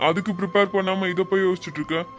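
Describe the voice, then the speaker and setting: A man's voice: sits high, steady tone, very fast, a bit bright, faint music behind. A man voicing a loyal young male friend in a cartoon, speaking in a brotherly, teasing way. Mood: exasperated.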